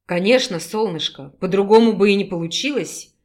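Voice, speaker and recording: A woman reading an audiobook and voicing a caring young husband who speaks softly and tenderly. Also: a little fast, natural voice. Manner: soft, tender and low.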